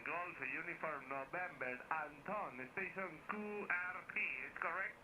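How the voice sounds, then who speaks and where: High-voiced ham radio caller through heavy static. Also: male voice. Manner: rapid clipped call-sign spelling in phonetic alphabet. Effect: heard over a shortwave radio receiver. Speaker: amateur radio operator. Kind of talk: ham radio call, reading call signs and signal reports. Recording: loud static over shortwave radio.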